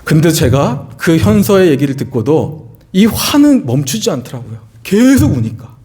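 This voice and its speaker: A man in his forties, a pastor, telling a personal family story in a sermon to his church, asking the congregation questions as he goes. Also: normal speed. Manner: earnest storytelling, rising pitch when excited, asks the congregation questions. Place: church sanctuary.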